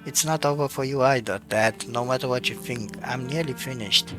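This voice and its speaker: Man reading a grieving young woman from a game, plain reading voice, mid pitch, game music behind. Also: moderate pace, natural voice. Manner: reads lines aloud in a plain voice. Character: young woman, grieving but steady daughter.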